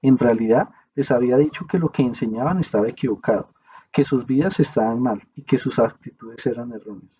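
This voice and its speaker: Man reading scripture in a mellow voice. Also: medium pitch, breathy edge. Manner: steady, measured reading with small self-corrections. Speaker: reader. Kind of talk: reading aloud a Bible commentary. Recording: muffled, slightly hissy recording.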